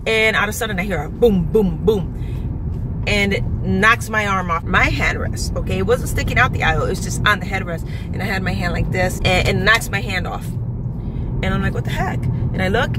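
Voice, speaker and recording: A woman in her forties tells a rant-style story into her phone from inside a car. She is animated, calls her viewers "guys," and acts out both sides of each exchange. Loud car and road noise runs under her voice. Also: medium pitch. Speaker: vlogger. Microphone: phone camera at arm's length.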